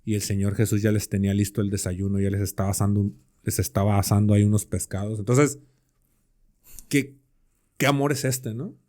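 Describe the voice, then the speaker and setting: Warm and lowish, this man's voice stays steady as he talks a little fast. As a podcast co-host, he chats casually about a Bible passage, tossing in slangy real-life examples and rhetorical questions.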